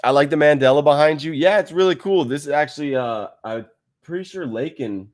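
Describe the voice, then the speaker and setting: A man with a slightly high voice and a fairly quick pace casually hosts a livestream from a wide room at home. He stays close to his desk mic, reading viewer comments while he rambles and laughs often in a laid-back way.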